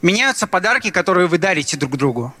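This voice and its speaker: A man's voice: sing-song, quick pace. A man in his twenties performing a stand-up comedy set, telling stories in casual slang and imitating others. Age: 20s. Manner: casual slangy storytelling, mimics others in higher voice. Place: comedy club stage with audience. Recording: noisy live club recording with crowd.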